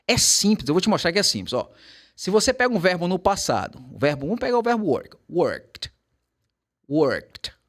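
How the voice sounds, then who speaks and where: Animated Brazilian English teacher. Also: male voice, sits high. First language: Portuguese. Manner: animated, switches to slow careful English examples. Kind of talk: casual teaching chat.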